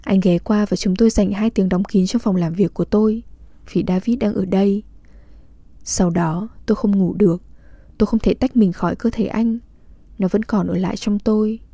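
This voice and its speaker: A woman reads a literary diary aloud, calm and measured in an intimate way. Her voice is deeply mellow and dark, close and dry with no room sound. She keeps an even, unhurried reading tone throughout. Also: dry recording. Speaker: reader.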